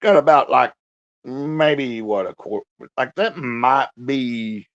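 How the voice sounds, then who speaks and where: A man chatting casually on a livestream from his bed at home, rambling loosely. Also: slow. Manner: rambling, talks to his dog in a high coaxing voice. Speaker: livestream host. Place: indoors, lying in bed at home. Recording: dull lo-fi livestream audio.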